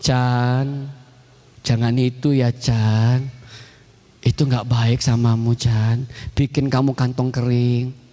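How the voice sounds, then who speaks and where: A man's voice: mid-range voice, flat delivery, slow pace, pauses often, mellow, pitched below the performer's own voice, close to an everyday voice. A pastor voicing a mother scolding her son. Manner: nagging, cautionary.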